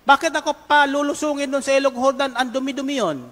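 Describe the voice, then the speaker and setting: A preacher voicing an indignant, proud army general who talks in a high, scornful, outraged way. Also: male voice, fairly quick, a bit bright. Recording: long reverb of a large hall.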